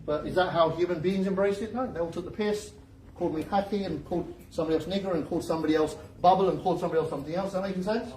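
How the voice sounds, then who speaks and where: A man's voice: high-pitched, rapid-fire, slight background noise. A man giving a motivational seminar talk, joking and firing questions at the audience. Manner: lively, joking, asks the crowd questions. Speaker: seminar speaker. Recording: echoey room recorded from a distance.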